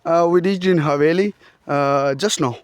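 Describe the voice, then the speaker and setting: A man's voice: fairly high pitch, normal speed, smooth. A young man with a Pakistani accent vlogging outdoors at his village farmhouse, speaking broken English full of filler sounds and laughing at himself. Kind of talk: casual vlog to camera.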